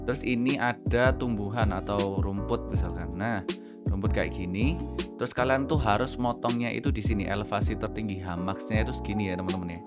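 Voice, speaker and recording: A man from Indonesia casually commenting and explaining to viewers as a streamer, chatty and addressing them like friends. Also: fairly low pitch. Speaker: VTuber host of an educational reaction stream.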